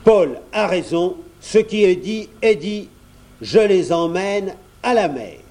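A man voicing a determined, kindly old grandfather in a storybook reading, firm and deliberate. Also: sits high, animated, darkish tone, a little hiss or hum, voice pushed up. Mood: resolute.

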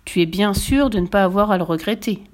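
A woman's voice: mid-range voice, brisk, close to an everyday voice. A woman reading a flustered grumbling old king. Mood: scheming. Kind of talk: storybook reading.

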